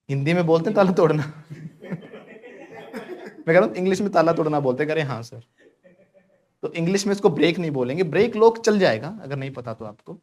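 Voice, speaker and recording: A man from India teaching spoken English to a class in Hindi, joking and pushing his students to repeat English phrases after him. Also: medium pitch.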